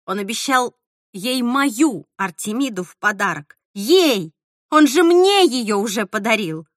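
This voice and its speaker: A woman reading an audiobook, voicing a bitter, vengeful actress who hisses and shouts in an unhinged way. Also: fairly high pitch, animated, measured pace, no echo, clean studio sound. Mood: furious.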